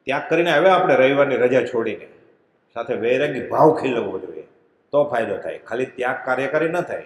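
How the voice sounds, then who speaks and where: A man's voice: medium pitch, lively intonation, brisk. A middle-aged man gives a conversational religious discourse, explaining with everyday anecdotes. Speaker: spiritual discourse reader. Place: prayer hall. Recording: echoey hall.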